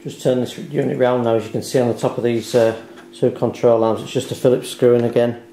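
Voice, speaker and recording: Seated at a home dining table, this man walks through a hands-on repair tutorial, explaining each step carefully and without hurry, though his mid-range, dark-toned voice runs a little fast and stays steady. There's noticeable room echo, a hiss underneath, and the click of handling noise.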